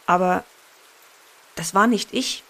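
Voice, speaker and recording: A woman's voice: mid-range voice, takes it slowly, sharp tone, full character voice. A woman voicing a frightened young girl who is sobbing after a shock, in a told horror story. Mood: shaken.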